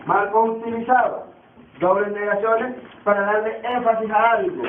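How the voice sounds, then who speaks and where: High-voiced male teacher quizzing his class. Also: steady tone, moderate pace, a little hiss or hum. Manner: repeats key terms, quizzes the class. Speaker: Bible institute teacher. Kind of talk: classroom lecture. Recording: tinny, echoey distant classroom recording.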